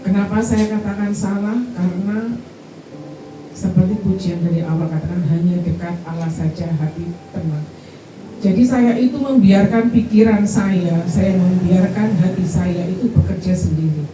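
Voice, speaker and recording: Her lowish voice keeps a fairly even intonation at normal speed as this middle-aged woman recounts her own story as a church member's testimony, addressing the congregation directly. Background noise and the echo of the church hall come through, since she's recorded from far off.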